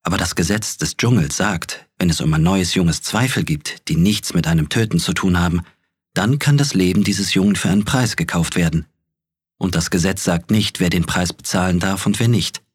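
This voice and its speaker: A man's voice: sits low, moderate pace, breathy edge, no room sound, clean studio sound. Man voicing Bagheera, a purring sly panther. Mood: persuasive. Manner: soft, purring, persuasive. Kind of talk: audiobook character voice.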